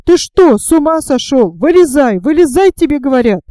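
A woman playing a shrill, scolding train conductor. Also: expressive, unhurried, dark tone, dry recording.

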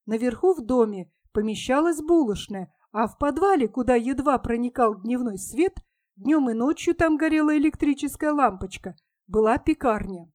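A woman reading a story aloud in a steady, even storytelling manner. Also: high voice, normal speed, no room sound, clean studio sound. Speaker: audiobook reader. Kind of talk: scripted narration.

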